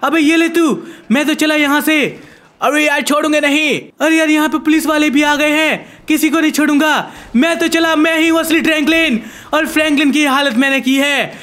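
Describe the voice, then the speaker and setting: A man's voice: very high-pitched, steady tone, normal speed, a bit bright, voice pushed up. A man voicing a sneaky, scheming male twin brother in a game video, talking boastfully and gloating.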